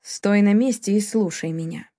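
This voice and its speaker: A woman's voice: mid-range voice, normal speed, dark tone, no room sound, studio quality, lightly acted. A woman reading the part of a furious, scornful young husband who speaks harshly and commandingly. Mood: гневно.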